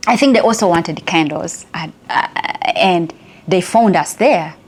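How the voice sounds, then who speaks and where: A middle-aged woman from Uganda with a Ugandan accent, telling a personal story as an inspirational speaker, chatty and quick to laugh. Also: on the low side, husky. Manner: chatty, laughs often, lively.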